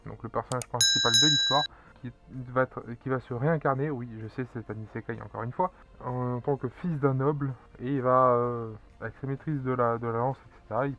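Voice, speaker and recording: A man presenting anime and manga news in a casual solo commentary, rambling with many fillers and restarts. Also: mid-range voice. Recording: dull lo-fi audio with faint music.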